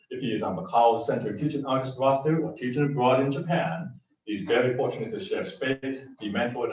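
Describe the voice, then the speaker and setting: Man introducing a poet, halting, echoey. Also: on the low side, far from the mic, muffled recording. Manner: halting, with many restarts. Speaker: guest host introducing a poet. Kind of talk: live stage introduction. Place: live poetry event venue.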